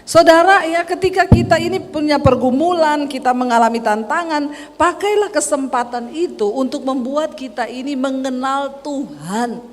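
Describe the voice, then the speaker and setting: High-voiced woman preaching in a hall. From Sulawesi. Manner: animated storytelling, acts out quarrels with her husband. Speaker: pastor. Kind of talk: sermon. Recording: long hall reverb.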